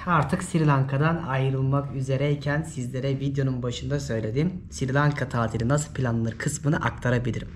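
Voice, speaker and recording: A man from Turkey whose voice is hoarse and giving out from illness, giving informal travel advice as a vlogger. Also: medium pitch, fairly even intonation, moderate pace, hardly any pauses. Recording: noisy ambient background.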